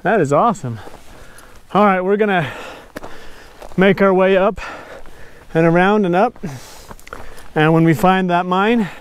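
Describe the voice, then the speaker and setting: A man in his thirties talking casually to camera with a lapel mic while exploring abandoned mines outdoors, easygoing and quick to exclaim. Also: sits high, a little hiss or hum. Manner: enthusiastic, easygoing, exclaims often. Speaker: mine explorer vlogger. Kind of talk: casual outdoor vlog narration. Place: outdoors in desert hills and mine tunnels.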